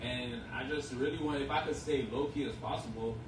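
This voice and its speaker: This casual interview features a young Haitian clothing shop owner as guest, his medium-pitched voice fairly even in intonation and a little fast. He talks earnestly but rambles, using lots of fillers. The audio is noisy and echoey, captured on a distant mic.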